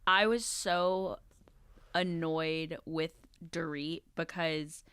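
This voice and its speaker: A woman's voice: sits low, steady tone, extremely slow, a bit bright, smooth, no room sound, studio quality. A woman hosting a casual podcast, blunt and opinionated, cursing freely as she vents. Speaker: podcast host.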